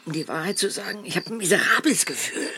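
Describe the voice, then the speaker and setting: A man's voice: sits high, fast, sharp tone, slight background noise. An actor playing a nervous, whiny gang henchman in a radio play, fretting and pleading. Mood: fretful.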